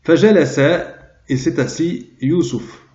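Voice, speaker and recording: A man teaching a translation lesson, pausing often and searching aloud for the right word. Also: mid-range voice, a little mellow. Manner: hesitant, searching aloud for words. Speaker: Arabic teacher. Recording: roomy, dull lo-fi sound.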